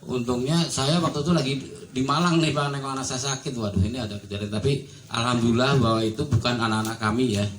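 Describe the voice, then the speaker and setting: A man's voice: mid-range voice, steady tone, fast. A man who heads a neighborhood association, speaking at a community meeting, rambling with many fillers and often addressing the officials present. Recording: echoey room with faint background noise.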